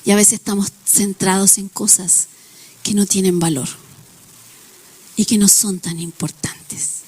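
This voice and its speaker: A woman's voice: medium pitch, fairly even intonation, measured pace, warm tone, slightly rough. A woman pastor preaching a sermon, illustrating points with everyday examples and acted-out quotes.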